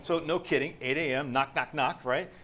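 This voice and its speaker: A man's voice: a little high, normal speed, a little hiss or hum. Man animatedly telling a sales story. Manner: animated, acts out quoted dialogue. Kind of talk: casual storytelling anecdote.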